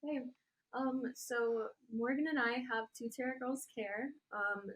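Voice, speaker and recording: A young woman speaking as a guest, describing her community work in a soft-spoken, slightly shy way. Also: a little high, measured pace, rough recording. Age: young adult. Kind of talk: interview answers.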